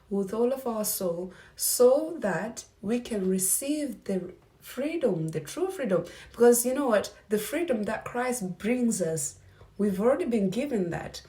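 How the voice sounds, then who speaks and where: A woman's voice: medium pitch, dark tone, distant mic. A woman from Zimbabwe giving an earnest, reflective faith talk to her viewers and asking many rhetorical questions. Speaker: vlogger.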